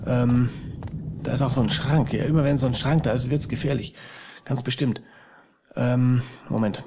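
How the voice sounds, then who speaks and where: A man's voice: medium pitch, fairly even intonation, moderate pace. A man playing a video game and commenting casually, muttering to himself with fretful sighs. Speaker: let's player. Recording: audible background noise.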